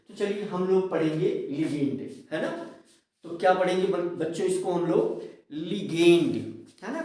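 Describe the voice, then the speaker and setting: A male chemistry teacher giving a classroom lecture. He repeats key terms, asks his students questions and answers them himself, often checking in with a quick tag question. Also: high voice, dark tone. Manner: slow, repetitive, asks questions then answers them, frequent "है ना?"; addresses students as children. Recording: echoey room, voice from a distance.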